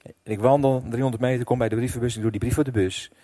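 A middle-aged man preaching a sermon as pastor, telling a personal story with emotion, dropping to a hush and then rising loud. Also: medium pitch, steady tone, quick pace. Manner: emotional storytelling, swinging between hushed and loud.

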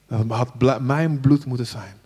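A man from the Netherlands preaching a sermon to a live audience, telling the story in an animated way and dropping from hushed tones to loud outbursts. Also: mid-range voice, a little slow, slightly rough. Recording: long hall reverb.

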